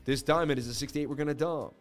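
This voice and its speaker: A man's voice: on the high side, fast, soft background music. A man hosting a crypto trading channel, giving casual screen-share market commentary in a slangy, boastful way with repeated catchphrases.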